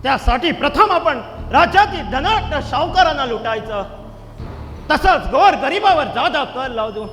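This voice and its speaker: A man's voice: extremely high pitch, sharp tone, a little hiss or hum, heavily acted. An actor playing a scheming, ruthless king in a musical stage drama, giving commanding and threatening orders. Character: scheming, ruthless middle-aged male king. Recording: echoey hall, long reverb.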